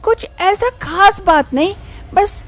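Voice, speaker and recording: One woman voices both twin sisters in a cartoon story, a young wife and her scheming sister, in a lively, teasing, playful way. Her voice is very high and she takes it slowly.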